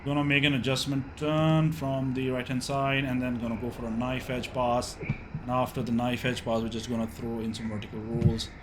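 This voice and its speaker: A man's voice: mid-range voice, level tone, moderate pace. A man giving live flight simulator airshow commentary, narrating each move in clipped phrases as he flies. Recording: clearly noisy background.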